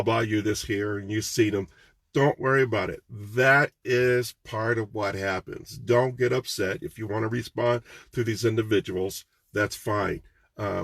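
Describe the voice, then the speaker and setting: Gravelly man talking loosely to camera. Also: fairly low pitch, no echo. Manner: loose and conversational, many ums and restarts. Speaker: political candidate. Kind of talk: direct-to-camera campaign vlog.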